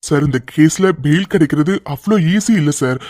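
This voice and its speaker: A man voicing a calm middle-aged lawyer in a cartoon, speaking in a measured, apologetic way. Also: a little high, no room sound, clean studio sound, natural voice. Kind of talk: cartoon voice acting.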